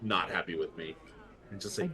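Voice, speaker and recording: A man's voice: sits low, moderate pace, pushed and bright. A man improvising in-character banter as a player in a tabletop role-playing game.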